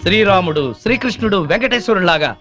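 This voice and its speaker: A wife-adoring husband, speechifying, high pitched, film music bed. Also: male voice, lively intonation, a little fast, sharp tone, exaggerated voice. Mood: proud. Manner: grand, speechifying praise of his wife. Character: doting husband proud of adoring his wife. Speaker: husband character in a comedy scene. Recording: film audio with music behind.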